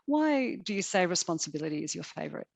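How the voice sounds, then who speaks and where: A woman's voice: on the low side, big pitch swings, fast talker, creaky, dry recording. A woman hosting an interview, asking chatty, loosely worded questions. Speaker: interview host.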